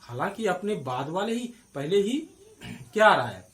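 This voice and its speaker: A man's voice: high voice, sing-song, unhurried, a bit bright, distant mic. A man teaching Hindi grammar at a board, explaining step by step, spelling out syllables and asking checking questions. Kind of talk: classroom-style grammar lesson at a board.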